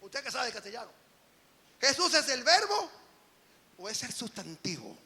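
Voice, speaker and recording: A man preaching an emphatic sermon as an apostle, dropping to quiet lines and rising to shouts. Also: extremely high pitch, sing-song, moderate pace, long reverb tail.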